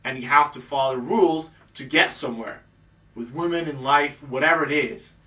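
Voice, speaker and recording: A man, a dating coach, casually telling a story in a chatty way, full of fillers and lively re-enactments. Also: medium pitch, normal speed, far from the mic, rough recording.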